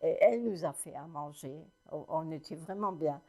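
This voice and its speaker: A woman in her nineties from Lorraine in France, recounting family memories in an oral history interview, telling her story haltingly with many restarts. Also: deep voice, warm tone. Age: 90s.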